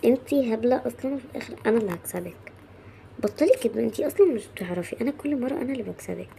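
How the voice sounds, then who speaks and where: Woman as a mean schoolgirl bully, sneering, taunting, fast, gravelly. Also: fairly high pitch, animated, warm tone, slight background noise.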